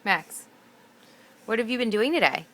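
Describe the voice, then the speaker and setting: A young woman talking to her baby at home in a gentle, teasing, sing-song way. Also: a little high, animated, normal speed, a little hiss or hum. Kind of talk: home video chat with a baby.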